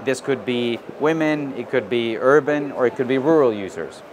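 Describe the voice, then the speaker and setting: A man from South America giving measured interview answers, often adding "you know" and "right?". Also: medium pitch, lively intonation. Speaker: interviewee, financial inclusion advisor. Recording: outdoor recording with street noise.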